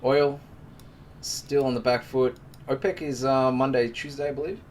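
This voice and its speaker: A man's voice: mid-range voice, steady tone, moderate pace, far from the mic, slight background noise. A man hosting a trading live stream, giving casual, joking market commentary and calling viewers "mate". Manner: chatty and joking, talks to the viewers as mates.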